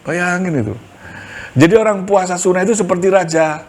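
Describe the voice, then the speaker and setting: A man's voice: sits high, a little fast. A middle-aged man with a Javanese accent, preaching to a women's study group with humor and acted-out dialogue. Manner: humorous storytelling, acts out dialogue. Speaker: Islamic preacher.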